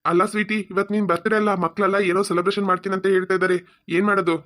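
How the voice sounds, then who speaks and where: A woman voicing a gentle, patient father in a cartoon who calms his family. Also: medium pitch, lightly acted. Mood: soothing. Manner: soothing, quick talker. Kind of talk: cartoon voice acting.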